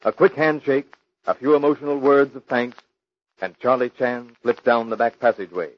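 A man's voice: mid-range voice, steady tone, normal speed. A man narrating a scripted radio drama in the storytelling style of an old broadcast. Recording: dull lo-fi old radio recording.

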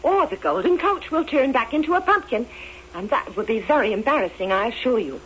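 A kindly, forgetful fairy godmother, from a children's storybook drama. She speaks high and very melodically, with a theatrical magician's flourish. The recording is dull, with faint noise. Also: animated, brisk, fairly bright tone. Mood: fussing, kindly. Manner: theatrical magician, grandly incanting and exclaiming. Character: kindly absent-minded fairy godmother casting spells. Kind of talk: children's fairy-tale audio drama acting.

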